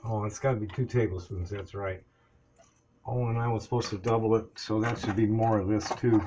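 This older man's voice is on the low side, warm and steady, and he talks briskly as he cooks in a small home kitchen, rambling casually for his vlog. A camera on the counter records him, with the highs cut off and slight background noise.

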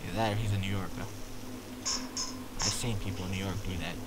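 A man's voice: low voice, fairly even intonation, a little fast. A man giving casual, exclamatory let's play commentary, joking around and swearing in a goofy way. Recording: very noisy, game sound behind. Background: shooter game sounds.

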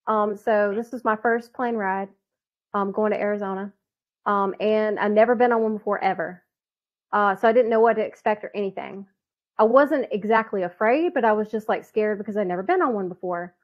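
A woman's voice: mid-range voice, fairly quick. A woman co-hosting a casual group podcast, telling stories with lots of ums and frequent laughs. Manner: giggly, storytelling with fillers. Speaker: podcast co-host. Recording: muffled lo-fi podcast audio.

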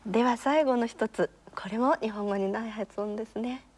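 A woman teaching a language lesson, patient and encouraging, demonstrating each sound slowly. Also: fairly high pitch, darkish tone, a little hiss or hum. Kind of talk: explanatory lesson.

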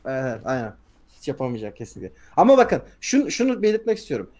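Fast-talking male tabletop player. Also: medium pitch, huge pitch swings, crowd noise. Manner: eager, talks fast, tells stories with acted voices. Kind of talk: casual tabletop role-play chat.

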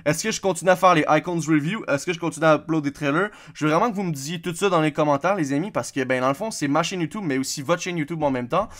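A gaming YouTuber with a Québécois French accent gives his viewers a casual, rambling channel update full of fillers and restarts. His fairly high, fairly bright voice races along with hardly any pauses.

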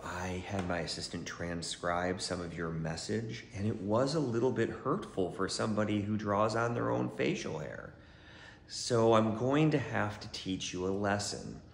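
Casting: smug, sneering rich heel for a wrestling promo , played by a man, lowish voice, middle-aged, roomy sound with background noise. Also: creaky, exaggerated voice. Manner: pompous, mock-polite, sneering, drawn-out emphasis. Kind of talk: scripted wrestling promo to camera. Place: poolside patio, then living room at home.

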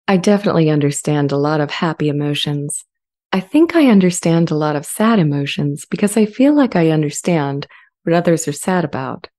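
Voicing an earnest, gentle sentient AI language model with a female voice, a woman reads a dramatized transcript from a script, slowly and deliberately. Her voice is low and expressive, her mood earnest and calm. The setting is an indoor home studio, captured up close through a large condenser mic fitted with a pop filter.

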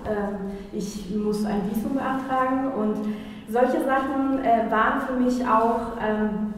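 Halting woman from Ecuador, echoey hall. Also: on the high side, steady tone. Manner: halting, searching for words. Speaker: panel guest. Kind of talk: panel talk. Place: small room with panel audience. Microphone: handheld mic, far camera. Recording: echoey hall from far off, faint noise.

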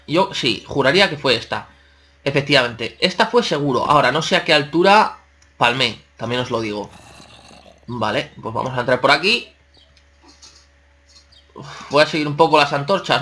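A man's voice: a little high, a bit bright. Chatty man narrating gameplay. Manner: chatty, talks to himself and viewers, playful exclamations. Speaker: gaming channel host. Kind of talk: casual let's-play commentary.

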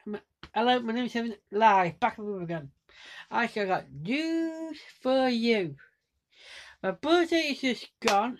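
A woman talking casually to camera in a vlog, halting and restarting often as she demonstrates different laughs. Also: medium pitch, darkish tone. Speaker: vlogger.

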